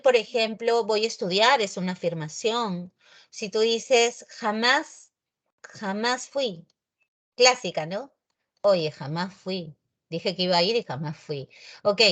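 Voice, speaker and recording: A woman teacher with a Peruvian Spanish accent giving a grammar lesson in a chatty, expressive way, talking straight to her students. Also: on the high side. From Peru.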